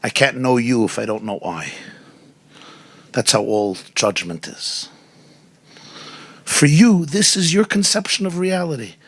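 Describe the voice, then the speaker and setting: A man, giving a rabbi's talk to a gathering. His delivery is animated, jumping from soft, slow phrases to high, loud bursts. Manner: animated storytelling, sudden rises in pitch and volume. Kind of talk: Yiddish-flavored Torah talk at a gathering.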